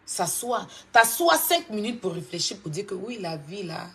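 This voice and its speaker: A woman from Côte d'Ivoire with an Ivorian French accent, delivering a confrontational, mocking monologue that swings from loud outbursts to low scolding. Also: sing-song, moderate pace. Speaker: online commentator. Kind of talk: heated clash monologue.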